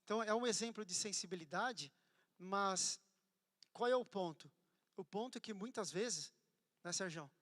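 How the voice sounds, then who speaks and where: A man preaching a sermon, telling a story with animated swings from loud to hushed. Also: high-pitched, moderate pace, pauses often. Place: church hall. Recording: church hall with long reverb.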